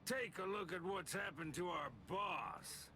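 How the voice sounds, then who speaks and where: A man's voice: sits high, measured pace, bright, forceful tone, slight background noise. An actor voicing an arrogant, sneering male villain who lords it over others in an anime game. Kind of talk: anime game cutscene acting. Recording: music under the voice.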